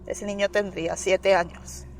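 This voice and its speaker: A woman's voice: medium pitch, moderate pace, a little hiss or hum. A woman with a Colombian accent, an interview guest recounting a personal experience, acting out the voices in her story and often checking that the listener follows. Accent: Colombian Spanish. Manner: animated storytelling, acting out quoted dialogue, frequent "¿me entiendes?".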